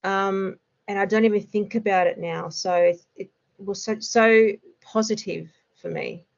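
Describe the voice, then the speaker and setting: A woman's voice: medium pitch, steady tone, a little slow, gravelly, muffled recording. A woman, a hypnosis student, chatting casually in an interview with lots of fillers and frequent laughs.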